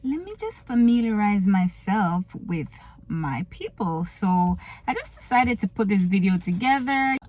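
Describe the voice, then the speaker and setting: With a medium pitch that swings widely, a measured pace, and a darkish tone, a Jamaican woman raised in Kingston talks to her viewers from inside her car. The vlogger and small business owner laughs often and slips into patois during this casual get-to-know-me chat, recorded dry.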